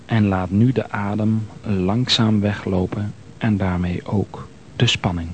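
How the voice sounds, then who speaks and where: Slow, calm man guiding relaxation. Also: lowish voice, slight background noise. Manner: slow, calm, soothing instructions. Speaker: relaxation guide. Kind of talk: guided progressive muscle relaxation.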